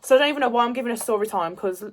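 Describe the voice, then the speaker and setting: A woman's voice: a little high, rapid-fire, noisy background. A woman telling a rambling storytime vlog in casual chat, swearing freely. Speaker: storyteller vlogger.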